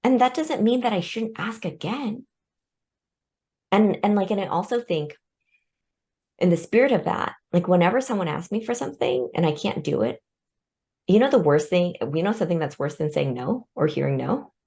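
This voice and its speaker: Fairly low-pitched, husky and a little mellow, this woman sounds animated while keeping a moderate pace. She was born in Vietnam, grew up in the US, and appears as a guest expert on respect in a conversational interview, using studies and personal stories to explain her ideas, with light laughs between points.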